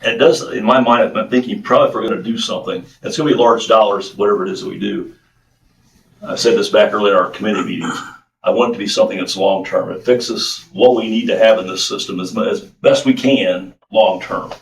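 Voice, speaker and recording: A man serving as a county official, thinking out loud in a measured way during a public meeting. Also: fairly low pitch, fairly even intonation, creaky. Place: county council chambers. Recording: echoey room, distant mic.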